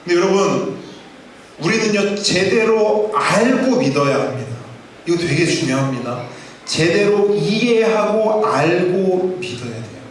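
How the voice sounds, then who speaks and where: A male pastor giving a sermon in a conversational, animated way, asking the congregation rhetorical questions, recorded from far off in an echoey church sanctuary. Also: sits high, unhurried, slight background noise.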